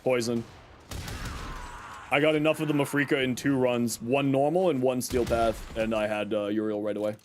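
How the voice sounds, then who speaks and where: Sleepy, burned-out man streaming a game. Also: normal speed. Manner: low-energy, sleepy, flat burned-out delivery. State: tired, slightly worn-out voice. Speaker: game livestreamer. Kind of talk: casual live gaming commentary answering viewer chat. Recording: clear background noise from game audio. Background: video game sounds.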